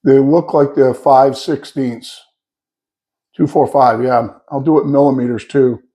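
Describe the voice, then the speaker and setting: A man's voice: mid-range voice, steady tone, measured pace, mellow. A man giving a casual workshop demo of his sharpening setup, explaining step by step in a plain-spoken way. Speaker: sawmill owner showing his setup. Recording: echoey, mics off.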